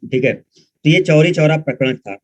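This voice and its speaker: A man's voice: a little high, moderate pace, no echo. A male history teacher giving an online lecture, talking informally and scolding his students as he explains. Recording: dull, dry, muffled sound.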